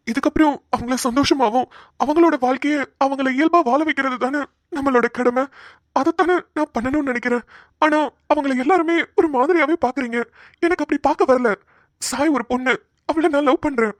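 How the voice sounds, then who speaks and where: A woman's voice: high voice, no room sound, clean studio sound, natural voice. A woman voicing an earnest young man. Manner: earnest, heartfelt pleading. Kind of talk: cartoon voice acting.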